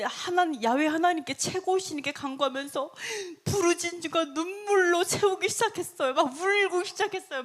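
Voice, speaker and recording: A woman's voice: sits high, fairly bright tone. A woman teaching a Bible story lesson, retelling it dramatically and laughing often as she goes.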